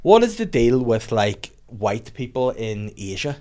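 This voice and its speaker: A Northern Irish comedian guesting on a podcast has a warm, mid-range voice with big swings in pitch and an unhurried pace. He chats casually in a rambling, profane, jokey manner.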